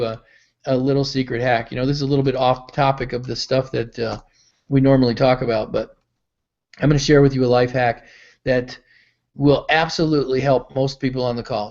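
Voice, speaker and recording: A middle-aged mentor and pastor gives a motivational talk on a call, telling stories and acting out the voices in them. His mid-range voice has a darkish tone, carried over dull, lo-fi call audio.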